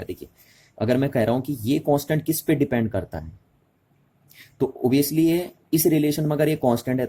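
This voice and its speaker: Here a man with a mellow, mid-range voice lectures on physics, mixing Hindi with English. He is patient, repeating the key terms and checking on the students' understanding.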